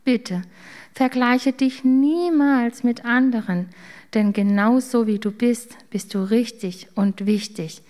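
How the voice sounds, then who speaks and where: A woman's voice: a little high, darkish tone. A tender old master baker, read by a woman. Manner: tender, reassuring, slow. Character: kind older male master baker, gentle, loving.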